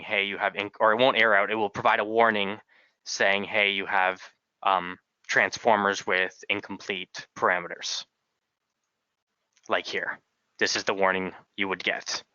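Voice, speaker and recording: A male trainer walks through a software tutorial, speaking haltingly and repeating words. His voice is lowish with a clean tone, and the recording is slightly dull, with no room sound.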